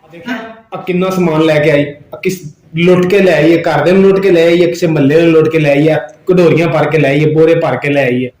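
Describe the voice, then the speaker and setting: A man acts a high-voiced, complaining husband with a Pakistani Punjabi accent. He is sarcastic and exasperated in the manner of a home comedy skit, recorded at a distance in a very echoey room. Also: fairly even intonation, a little fast, darkish tone, lightly acted. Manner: complaining, repetitive ranting. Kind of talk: family comedy skit acting.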